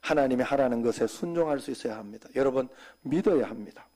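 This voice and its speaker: A man preaching a sermon as senior pastor, talking conversationally and dropping suddenly to soft, quiet asides. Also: mid-range voice, quick pace.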